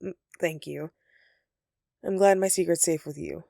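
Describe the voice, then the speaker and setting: In an audio roleplay, a woman plays a flustered, friendly Christmas elf who secretly lives as the listener's roommate, speaking hesitantly, sheepishly, and earnestly with a grateful, affectionate mood. Her voice is lowish, gravelly, and dark, steady and unhurried, captured in clean studio sound with no room noise.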